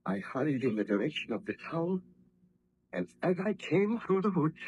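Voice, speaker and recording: Anguished, husky baron scientist. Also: male voice, fairly high pitch, sing-song, normal speed, a little mellow. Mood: grave, haunted. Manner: formal, declamatory, theatrical. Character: anguished baron scientist, guilt-ridden and commanding. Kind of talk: 1930s radio drama acting. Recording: muffled old radio drama recording.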